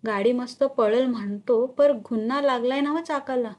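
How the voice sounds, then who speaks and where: A brash, scheming village man, put on by a woman reading a short story pushes his point in blunt rustic dialect. His voice sits a little high. He talks with loud, pushy certainty. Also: normal speed, lightly acted. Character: brash scheming rural male crony, loud.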